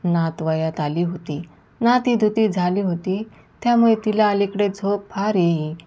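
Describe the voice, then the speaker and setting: A woman reading a short story aloud with steady, measured storytelling. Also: mid-range voice.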